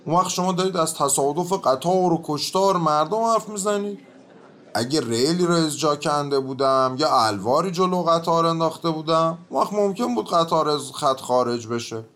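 A man voices a stubborn old-world peasant facing a judge, evasive and set in his ways. His voice sits a little high, and he grumbles and mumbles his answers in rustic talk. It is a radio drama. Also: expressive, fairly bright tone.

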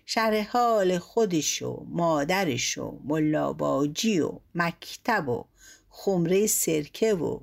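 A woman telling a folk tale aloud, with lively narration and changing voices for the quoted figures. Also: deep voice, vocal fry. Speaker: storyteller.

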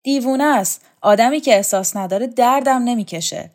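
Harsh domineering woman, high and loud, contemptuous scolding, read by a woman narrator. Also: lightly acted. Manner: shrill, loud, insulting.

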